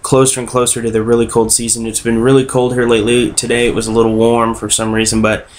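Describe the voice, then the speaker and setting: A young American man with a sore throat hosts a true crime vlog in a casual, halting, self-correcting way. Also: medium pitch, completely flat delivery. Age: young adult. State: sore throat, slightly under the weather. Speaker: host of a true crime web series. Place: bedroom, indoors. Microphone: webcam or computer mic at desk distance.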